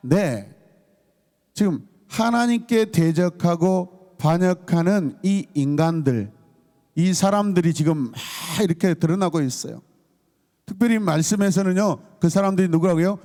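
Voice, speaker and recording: A male pastor from South Korea delivers a night sermon in a bright, high voice. His pitch leaps up and down as he throws questions to the congregation. Now and then he bursts into a scolding tone. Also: lively intonation, unhurried. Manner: calls and responses to the congregation, acts out scolding voices. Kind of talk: sermon at a Friday night service.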